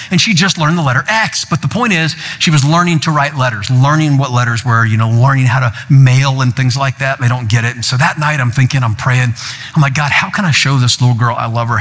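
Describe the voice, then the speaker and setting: An older man delivers a sermon as a pastor, moving into storytelling and briefly acting out family members in higher, playful voices. His voice is slightly husky at a middling pitch. The long reverb of a large hall trails every phrase. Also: fairly bright tone.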